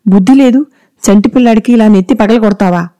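A woman's voice: fairly even intonation, fairly quick, no echo, natural voice. A woman voicing a distraught young mother who cries and scolds sharply. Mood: crying. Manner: tearful, sharp and shrill when scolding.

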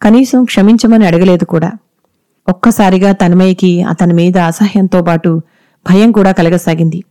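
A woman narrating a scripted story in a steady, measured way. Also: fairly low pitch, no room sound.

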